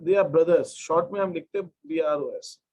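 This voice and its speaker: A man's voice: on the high side, a little mellow, low-quality recording. A man teaching an accountancy class, explaining step by step and mixing English terms into his talk. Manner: dictates terms slowly while writing. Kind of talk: classroom lecture.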